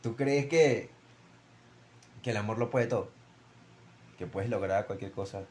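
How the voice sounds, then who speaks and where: A man's voice: on the low side, measured pace, darkish tone, a little hiss or hum. A young man with a Venezuelan accent, co-hosting a casual podcast, teasing and asking most of the questions. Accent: Venezuelan Spanish. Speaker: podcast co-host. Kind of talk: casual chat.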